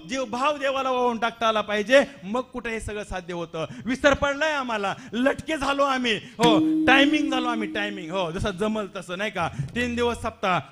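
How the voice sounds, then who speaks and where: A man's voice: extremely high pitch, fairly bright tone. A man preaching a devotional kirtan sermon with a Marathi accent, dramatic and full of rhetorical questions and repetitions.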